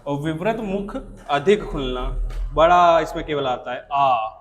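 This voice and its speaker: A man's voice: on the high side, lively intonation, measured pace, big-room sound, dull audio, slight background noise. A male teacher giving a classroom lecture, saying sounds aloud to show them and often asking whether the students follow.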